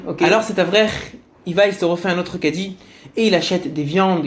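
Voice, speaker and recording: Lively male storyteller. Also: on the high side. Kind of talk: telling a moral story.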